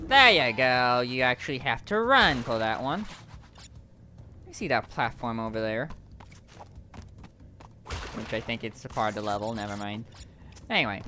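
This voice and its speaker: Chatty male streamer with a lively voice. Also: medium pitch, measured pace, pauses often, soft background music. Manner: chatty, self-correcting, reacting to play. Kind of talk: casual gameplay commentary.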